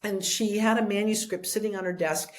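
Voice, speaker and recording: A woman's voice: medium pitch, fairly even intonation, a little fast. A middle-aged woman, a guest on an interview show, telling her story in a rambling, heartfelt way, full of restarts. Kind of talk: conversational storytelling.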